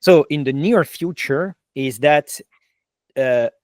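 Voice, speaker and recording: A man's voice: fairly high pitch, slow pace, darkish tone, no echo. Man, French accent, podcast host, chatty, enthusiastic, dry close sound. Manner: chatty, lots of "like" and "you know", enthusiastic. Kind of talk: casual interview chat.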